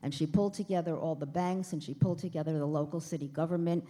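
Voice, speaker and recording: A woman's voice: low voice, steady tone, fast talker, dark tone. A woman in her fifties giving a chatty, self-deprecating speech at a gala, speaking to the crowd from a podium. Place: banquet hall.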